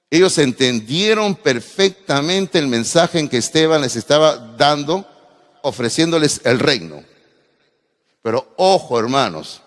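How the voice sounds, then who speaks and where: A Peruvian pastor with a Peruvian accent preaches with force, rising to loud exclamations and dropping to quiet asides. His voice sits a little high for a man. The sound carries the long reverb of a church hall. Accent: Peruvian Spanish. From Peru. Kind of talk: sermon. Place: church sanctuary.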